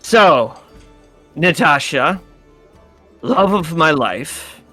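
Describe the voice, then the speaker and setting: A man's voice: on the high side, lively intonation, extremely slow, pushed and bright, faint music behind, heavily acted. A man playing a centuries-old, kind and devoted husband in a tabletop game, earnest and generous. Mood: tender.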